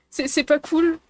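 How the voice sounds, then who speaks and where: A woman's voice: sits high, a little mellow. A woman streamer chatting casually and playfully with her viewers, giggling and teasing the chat.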